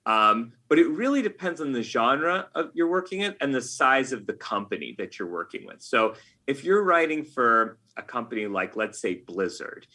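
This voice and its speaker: An American video game writer, a guest on a podcast, answers conversationally in a mid-range voice with big pitch swings and a sharp tone. He talks at normal speed with few pauses, often backing up to reword his explanations as he goes.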